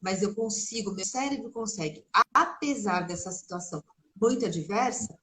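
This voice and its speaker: A woman's voice: medium pitch, normal speed, sharp tone, poor audio. A woman guest speech therapist explaining in a conversational way on a video call, with many tag questions. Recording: faint noise and clicks on a call.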